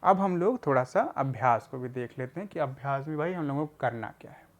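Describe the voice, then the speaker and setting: A man's voice: mid-range voice, expressive, a little fast. A man teaching adults to read, spelling out words syllable by syllable, asking questions and answering them himself, and often checking in with his listeners. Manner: often checks in with "theek hai". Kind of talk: slow step-by-step reading lesson.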